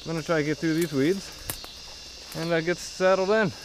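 A man's voice: fairly high pitch, steady tone, moderate pace. A man in his thirties talking casually to camera on an outdoor adventure vlog, in short, offhand muttered remarks. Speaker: vlogger. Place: outdoors in overgrown prairie. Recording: noisy outdoors, insects and nature sounds. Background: crickets, insects, outdoor ambience.

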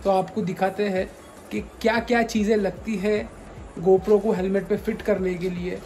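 A man's voice: high-pitched, level tone, unhurried, darkish tone, a little hiss or hum. A young man vlogging in casual chat, joking and talking straight to his viewers. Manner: chatty and joking, addresses viewers directly.

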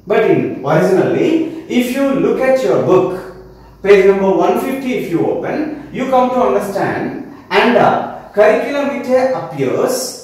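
A man's voice: high voice, sing-song, unhurried, darkish tone. A man with a Telangana Indian English accent giving an online English lesson, asking and answering his own questions and repeating definitions. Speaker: English teacher. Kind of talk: online class lecture. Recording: very echoey room, mic far off.

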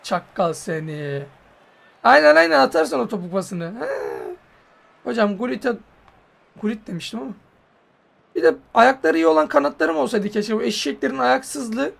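A man giving casual, joking commentary on a football game he is playing, yelling at his players. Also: very high-pitched, normal speed, gravelly. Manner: excitable, joking, swears and yells at players. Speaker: mobile football gamer.

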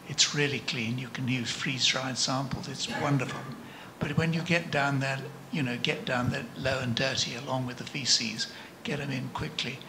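Older man, gravelly, rambling from the floor. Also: medium pitch, sharp tone. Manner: rambling, chuckling anecdotes. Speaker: audience member at a conference. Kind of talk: spontaneous question from the floor. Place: large conference hall, audience seating. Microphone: handheld mic. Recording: noisy conference room.

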